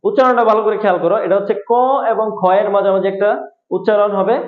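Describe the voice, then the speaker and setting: A man's voice: high-pitched, fairly even intonation, quick pace. A man teaching English words in a classroom, quizzing students over and over in call-and-response. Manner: repetitive quizzing questions. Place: classroom at a board. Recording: echoey room, dull lo-fi sound.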